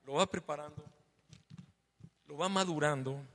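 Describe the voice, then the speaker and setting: A man's voice: unhurried, long reverb tail. A man preaching a sermon in a conversational way, peppering the congregation with tag questions. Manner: loud and emphatic, then lowers his voice after being told he is shouting. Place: church hall. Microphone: handheld or stand microphone.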